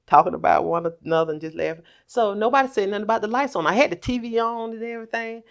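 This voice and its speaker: A middle-aged woman telling a personal story on a podcast, animated, acting out quoted voices. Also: medium pitch, fast talker, clean tone. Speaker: podcast guest. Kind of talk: casual storytelling.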